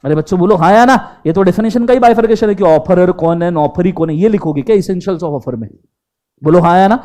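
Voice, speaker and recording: A man's voice: sits high, a little fast. A man teaching law in a classroom lecture, mixing Hindi and English and often asking the class to answer aloud. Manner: animated, quizzes the class in Hindi mixed with English.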